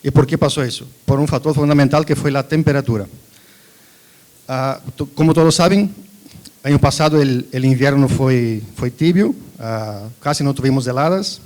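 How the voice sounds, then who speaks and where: A man's voice: medium pitch, normal speed, a little mellow. A man from Brazil, a native Portuguese speaker, gives a technical presentation in a Spanish and Portuguese mix with a Brazilian accent. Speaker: agricultural company researcher presenting.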